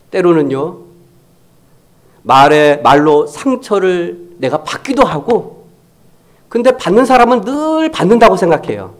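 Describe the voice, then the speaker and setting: A man preaching a Sunday sermon as pastor, talking conversationally, acting out quoted remarks and dropping to near-whispers for emphasis. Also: high voice. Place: church sanctuary.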